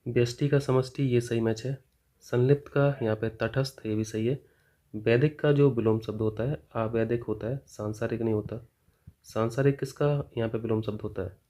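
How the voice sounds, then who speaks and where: Man with a mellow, even voice explaining test answers. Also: on the low side. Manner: explanatory, asks and answers his own questions. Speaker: Hindi grammar teacher.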